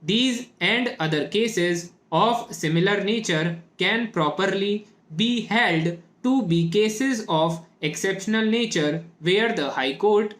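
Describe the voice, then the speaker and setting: A man with an Indian accent, a native Hindi speaker, dictating a legal text in measured short phrases with spoken punctuation, as a shorthand instructor does. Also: sits high, fairly bright tone, reverberant.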